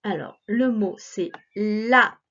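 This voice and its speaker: A woman's voice: medium pitch, a little slow, fairly bright tone. A woman teacher giving a remote reading lesson to young children, sounding out words syllable by syllable in a patient, encouraging way. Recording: dull lo-fi recording.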